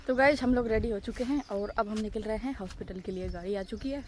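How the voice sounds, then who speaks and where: A woman's voice: mid-range voice, quick pace, slight background noise. A young woman vlogging in a casual chat, talking directly to her viewers. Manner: chatty, addresses viewers directly.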